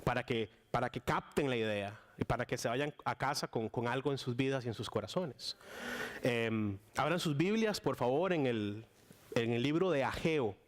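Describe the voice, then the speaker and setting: A man's voice: medium pitch, animated, moderate pace. A young Costa Rican man with a Costa Rican accent, preaching a casual guest sermon with lots of fillers and restarts. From Costa Rica. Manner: chatty and warm with frequent fillers and restarts.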